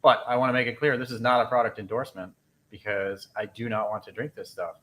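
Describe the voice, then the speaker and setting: A man's voice: fairly low pitch, fairly even intonation, fast, fairly bright tone, poor audio. A man hosting a casual interview, teasing his guest with mock outrage. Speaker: host.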